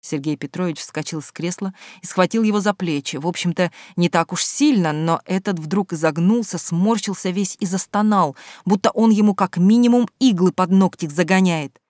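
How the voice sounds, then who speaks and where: A reader narrating a novel in a measured storytelling manner. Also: medium pitch, darkish tone, no room sound, studio quality. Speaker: audiobook reader. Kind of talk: scripted narration.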